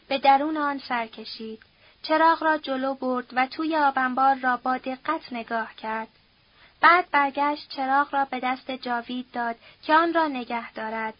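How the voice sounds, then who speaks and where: A woman reading a novel aloud as an audiobook narrator, at a steady, measured pace. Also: high-pitched, no echo, highs cut off. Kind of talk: scripted narration.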